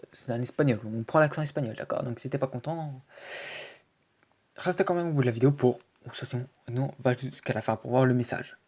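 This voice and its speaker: A man's voice: mid-range voice, a little mellow. A man hosting his own gaming channel, chatting through a recorded match in casual, rambling commentary full of fillers, restarts and repeated stock phrases. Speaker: video game channel host. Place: home screen recording, voice-over.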